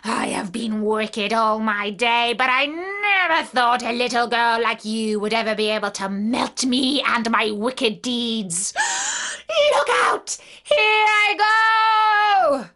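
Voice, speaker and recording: A woman voicing a wicked, cunning old witch from a storybook, in a theatrical, drawn-out wail. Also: fairly high pitch, pushed and bright. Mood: wailing despair.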